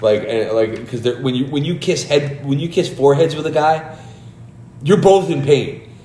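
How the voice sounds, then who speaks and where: A man's voice: medium pitch, mellow. Rambling, joking man in a roomy room. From New Jersey. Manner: joking, rambling, quick to laugh. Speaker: podcast co-host. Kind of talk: casual wrestling review chat. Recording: roomy room with faint background noise.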